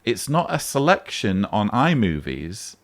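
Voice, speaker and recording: Answering a voicemail on his vlog, a man makes his case in emphatic, argumentative casual commentary, rising sharply whenever he hits a key point. He speaks a little slowly in a fairly low voice with big pitch swings.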